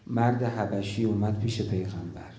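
A man preaching a religious sermon, telling stories with feeling and dropping to a hush at key moments. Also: on the low side, roomy sound, slight background noise. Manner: emotive storytelling, drops to a hush at key moments.

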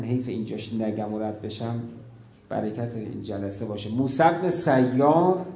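A man preaching a religious sermon, telling stories with feeling and dropping to a hush at key moments. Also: medium pitch, roomy sound. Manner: emotive storytelling, drops to a hush at key moments.

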